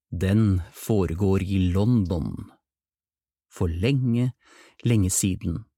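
A man reads a storybook aloud in a mellow, fairly low voice. He keeps stepping out of the tale for playful, chatty asides to the listener. The sound is close and dry. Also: no room sound. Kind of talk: storybook narration.

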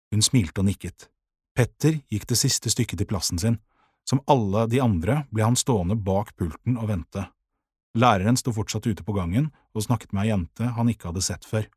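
A man narrating a children's audiobook in a calm, measured way, with a husky voice. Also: fairly low pitch, no echo, studio quality.

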